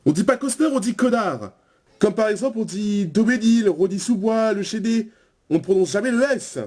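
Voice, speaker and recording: A man's voice: sits high, brisk, darkish tone, voice pushed up. A man voicing a touchy male shepherd contestant who insists on how his name is said, in a parody game show. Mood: indignant.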